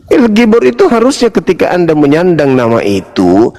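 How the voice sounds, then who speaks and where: Mocking, animated man hosting a stream. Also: sits high, normal speed. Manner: teasing, laughs often, repeats his questions insistently. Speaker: host of a live debate stream. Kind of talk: mocking live-stream debate.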